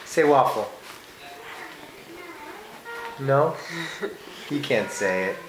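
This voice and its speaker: A woman at home playfully coaxing a toddler to say words, in a recording with an echoey kitchen and loud background noise. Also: a bass voice, animated, slow pace. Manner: coaxing, playful baby talk. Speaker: parent talking to a toddler. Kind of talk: home video chat with a toddler.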